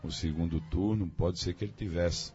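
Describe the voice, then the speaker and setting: A man's voice: sits low, steady tone, a little fast, darkish tone, soft background music. A man giving his political analysis as a guest on a radio debate, thinking aloud with many fillers and restarts. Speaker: guest commentator. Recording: dull lo-fi radio studio sound.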